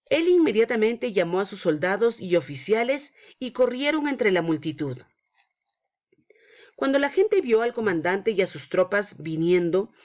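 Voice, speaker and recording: A woman's voice: medium pitch, dull audio. Woman teaching a children's Bible lesson. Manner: prays then narrates a Bible story to children. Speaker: Sunday school teacher.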